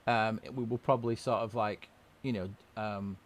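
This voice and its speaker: A man's voice: fairly low pitch, steady tone, moderate pace. A man hosting a casual music-production webcast over a video call, talking loosely with many restarts. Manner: chatty, loose, lots of restarts. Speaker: host and music-production trainer.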